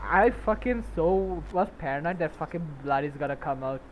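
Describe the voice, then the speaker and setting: A man's voice: a little high, lively intonation, normal speed, slight background noise. Young man swearing through a crude story. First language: not English. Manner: crude, profanity-laden storytelling with frequent laughter. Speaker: podcast host. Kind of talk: casual chat.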